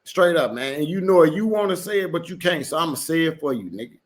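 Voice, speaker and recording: A man's voice: a little high, expressive, fast. A man giving casual reaction commentary in a blunt, profane, heated way.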